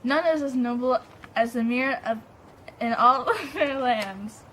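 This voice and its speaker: A woman playing an excitable villager swept up by speeches, exclaiming, in an amateur play. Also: on the high side, a little slow, a little hiss or hum, low-quality recording. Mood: awed.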